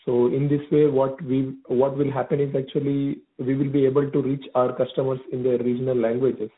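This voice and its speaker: A man with a South Indian accent speaking conversationally as a customer on a call, halting and repeating his words. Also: medium pitch, little pitch movement. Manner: halting, repeats words and often adds "actually". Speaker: business customer on a sales call. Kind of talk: conversational phone enquiry. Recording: tinny, narrow phone-line audio.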